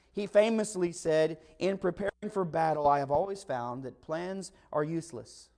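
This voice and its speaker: A man's voice: on the high side, darkish tone. A man preaching a conversational Christmas sermon, emphatic and full of rhetorical questions. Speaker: pastor.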